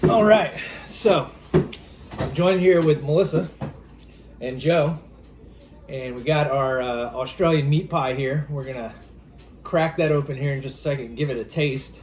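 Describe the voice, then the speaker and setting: A man's voice: fairly high pitch, unhurried, pauses often, a little mellow, a little hiss or hum. A man from Louisiana with a Southern accent, casually hosting a cooking vlog in his home kitchen, easygoing and rambling with fillers. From Louisiana, USA. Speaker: channel host.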